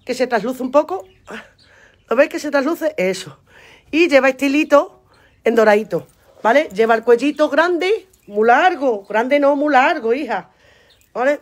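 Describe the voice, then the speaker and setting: Casting: woman, high voice, chatty and affectionate live-stream clothing seller, phone mic. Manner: chatty, affectionate, repeats prices and calls viewers darling. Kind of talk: live sales pitch.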